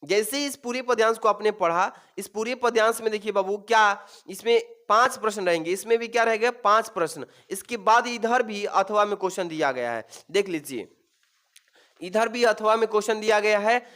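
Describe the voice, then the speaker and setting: A man's voice: high voice, moderate pace, fairly bright tone. A man teaching an exam-prep lesson, calling his students "babu" and repeating each question to reassure them.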